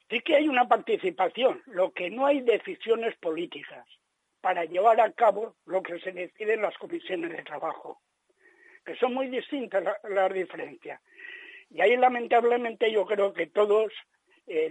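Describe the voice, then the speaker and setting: A man calling in over the phone to a radio debate, making his points earnestly and deliberately, repeating them. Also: sits high, husky, dry recording, poor audio. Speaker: radio caller. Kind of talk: call-in opinion on a radio debate.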